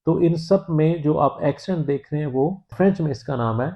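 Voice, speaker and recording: A man's voice: on the high side, creaky, dark tone. Patient man teaching, dull lo-fi sound. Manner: measured, patient, with frequent hesitant "uh" pauses. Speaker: French teacher. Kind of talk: language lesson explanation. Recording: dull lo-fi recording.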